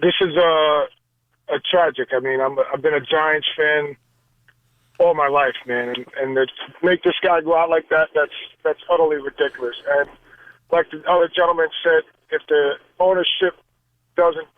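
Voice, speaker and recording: A man's voice: a little high, fairly even intonation, normal speed. An upset man calling in to a radio show over a phone line, repeating himself as he complains. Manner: upset, repetitive. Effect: phone call on radio. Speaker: caller. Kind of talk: call-in radio.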